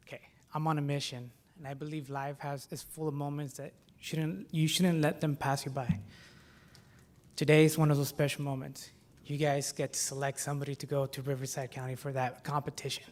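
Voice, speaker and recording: Nervous man delivering a halting startup pitch. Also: flat delivery. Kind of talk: live pitch competition presentation.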